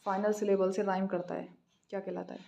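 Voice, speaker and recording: An Indian woman teaching English literature in an exam practice lesson, reading each question slowly and then explaining quickly in a mix of Hindi and English. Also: medium pitch, level tone, creaky, dark tone. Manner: repeats "theek hai" after each answer.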